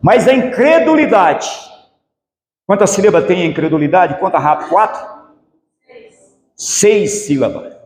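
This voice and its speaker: A man's voice: high-pitched, animated, a little slow, long pauses. A man preaching a sermon as pastor, asking the congregation rhetorical questions. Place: church. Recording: echoey church hall with long reverb.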